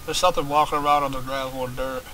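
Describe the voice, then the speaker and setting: A man's voice: a little high, steady tone, very fast, pushed and bright, a little hiss or hum, rough recording. Chatty, cussing gameplay commentator man. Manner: rambling, swears often, filler-heavy, talks to viewers. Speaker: let's play host.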